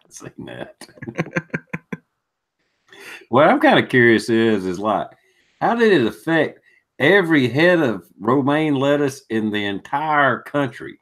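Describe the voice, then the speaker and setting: A man's voice: medium pitch, big pitch swings, slow, pauses often, a bit bright. A man joining a casual group voice chat, telling stories in a dry, matter-of-fact way. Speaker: chat participant.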